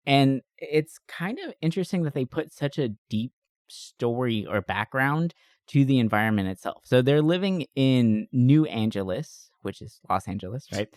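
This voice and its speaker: This co-host of a podcast reviews films in a chatty, slangy, enthusiastic way. He speaks at a moderate pace with lively intonation and a darkish, medium-pitched voice, captured in studio quality without any room sound.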